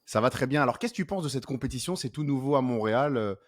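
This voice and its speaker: A man with an accent from France, interviewing fighters in a casual, upbeat way with quick short affirmations. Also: medium pitch, animated. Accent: French (France).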